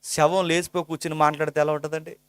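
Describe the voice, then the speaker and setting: A male preacher delivering a sermon with passion, firing rhetorical questions and swinging between hushed, low lines and loud, soaring ones. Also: level tone, fast, smooth, dry recording, studio quality.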